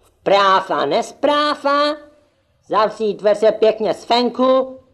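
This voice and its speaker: A woman's voice: a little high, lively intonation, lightly acted. A woman playing a haughty, fussy male castle valet in a puppet play, stammering and pompous. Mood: huffy, indignant.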